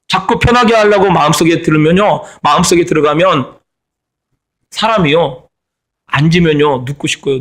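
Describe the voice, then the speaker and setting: A man's voice: sits high, slightly rough. A middle-aged man preaching a sermon as pastor, stressing and repeating his key phrases.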